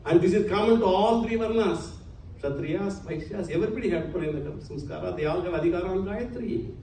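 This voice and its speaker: A spiritual lecturer gives an earnest religious talk to a congregation, using many Sanskrit terms. His voice is high-pitched and mellow, and he speaks a little fast. The hall echoes, the mic is distant, and there is a faint hum.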